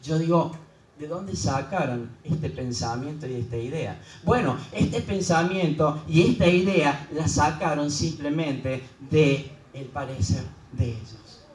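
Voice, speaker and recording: A man preaching a sermon as pastor, emphatic and repetitive, often dropping suddenly to a quiet tone. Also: a little high, a little slow, echoey room, distant mic, low-quality recording.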